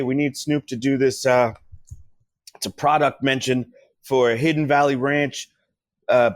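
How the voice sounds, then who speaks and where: A man telling animated stories in casual podcast chat, often putting on voices for the people he quotes. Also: mid-range voice, dry recording, studio quality. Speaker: podcast guest, comedian.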